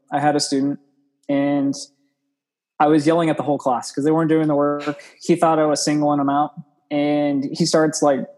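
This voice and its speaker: A young man recounts his life in an easygoing interview, earnest and a little rambling, often slipping into what he told himself. His voice sits fairly high for a man, and he stays on a narrow, steady line of pitch. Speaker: interview guest. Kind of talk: casual interview storytelling.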